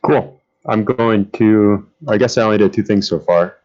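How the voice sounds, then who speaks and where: A man's voice: fairly low pitch, normal speed, a little mellow, highs cut off. A man playing a tabletop game, hesitant and thinking aloud as he makes his moves. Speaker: player. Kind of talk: casual tabletop play.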